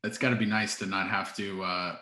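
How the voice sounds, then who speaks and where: Lower-voiced man in an echoey room. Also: little pitch movement, brisk, pushed and bright. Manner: reflective, thinking aloud with fillers. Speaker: co-host. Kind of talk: casual interview chat. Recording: roomy echo.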